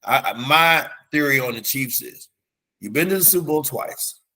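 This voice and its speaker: A man co-hosting a casual sports podcast, animated and slangy, rattling off game stats and calling his co-host "dog". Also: medium pitch, normal speed. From United States. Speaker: teacher.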